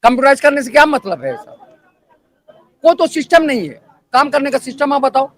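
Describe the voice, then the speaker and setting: A man's voice: extremely high pitch, sing-song. A man waiting in a long queue outdoors, complaining angrily about repeated paperwork. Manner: angry complaining, rapid grievances. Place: outdoors on a street.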